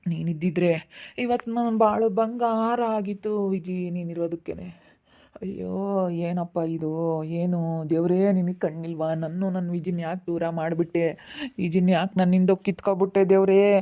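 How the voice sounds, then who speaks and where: A woman's voice: mid-range voice, mellow, lightly acted. A woman with a rural Chitradurga Kannada accent playing a grieving young village husband, wailing and pleading through sobs in a village family drama. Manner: wailing, pleading, repeating phrases. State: sobbing. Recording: tinny phone-like recording.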